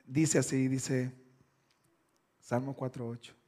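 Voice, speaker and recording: A man preaching a sermon with emphatic, repeated phrases, swinging between loud bursts and hushed, slow lines. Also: medium pitch, steady tone.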